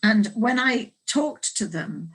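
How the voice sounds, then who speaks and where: A woman author, a guest on a panel, telling a story in a reflective, halting way. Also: on the high side, animated, a bit bright, husky, low-quality recording. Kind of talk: casual panel discussion.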